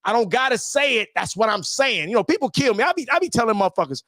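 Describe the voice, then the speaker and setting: Very high-pitched, fast-ranting man. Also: sing-song, sharp tone, no echo, clean studio sound. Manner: profane, repetitive, stammering restarts. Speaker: channel host. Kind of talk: heated livestream rant.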